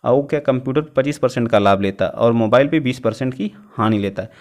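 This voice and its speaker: A male math teacher giving an exam-prep lesson, who keeps asking the class questions and answering them himself, reading numbers out slowly as he works. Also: mid-range voice, a little mellow. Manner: reads out numbers slowly while working them out.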